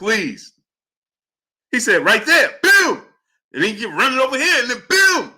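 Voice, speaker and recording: A man hosting a sports show, reacting to clips with excitable, laughing commentary and calling out to chat viewers. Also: extremely high pitch, a little slow.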